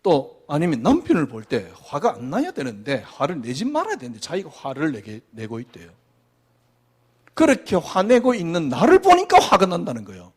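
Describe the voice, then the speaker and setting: High, lively preaching man. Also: moderate pace, husky. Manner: emphatic, rhetorical questions, swings between loud and hushed. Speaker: pastor. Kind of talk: sermon.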